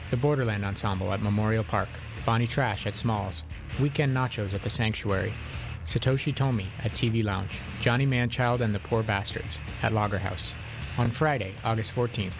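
A man's voice: lowish voice, vocal fry, poor audio. Male announcer reading listings over music. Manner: even, listing cadence. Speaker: radio announcer.

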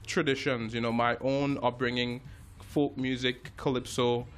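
A man's voice: mid-range voice, level tone, a little slow, fairly bright tone. A man, a jazz musician talking casually as an interview guest, often restarting and repeating words. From Trinidad and Tobago.

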